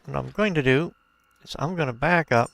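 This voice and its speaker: A man's voice: mid-range voice, moderate pace, vocal fry, a bit bright, dry recording. A man giving casual gameplay commentary as a let's play host, thinking aloud and talking to his viewers.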